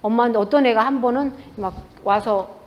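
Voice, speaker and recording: A woman with a fairly high voice speaks to a bookstore audience as the author of the book. She tells anecdotes in a lively way and acts out the quoted dialogue. Her delivery stays conversational and animated. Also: brisk, highs cut off, a little hiss or hum. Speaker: author giving a book talk. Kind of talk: public book talk to an audience. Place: bookstore event space.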